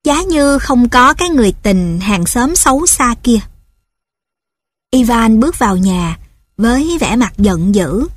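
A woman reads a story aloud in a measured, steady storytelling manner. Her voice sits fairly high, and the recording is dry and close, with no room echo. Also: slightly rough. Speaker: narrator. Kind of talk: scripted story narration.

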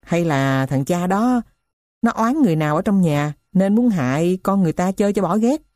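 A woman's voice: on the low side, lively intonation, normal speed, darkish tone, dry recording, studio quality, lightly acted. A woman voicing the thief's poor wife, who questions and scolds him. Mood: scolding.

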